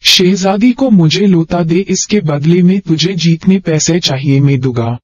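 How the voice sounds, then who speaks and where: A man voicing an arrogant, hot-tempered male thug boss who talks loudly and boastfully. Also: on the high side, unhurried, dry recording. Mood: angry, boastful. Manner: loud and boastful. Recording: dull, dry audio.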